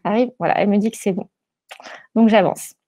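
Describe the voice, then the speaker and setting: Mellow, hesitant woman presenting a webinar. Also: mid-range voice, fairly quick. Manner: hesitant, many fillers and restarts. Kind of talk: live webinar screen-share demo. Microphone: earpiece headset.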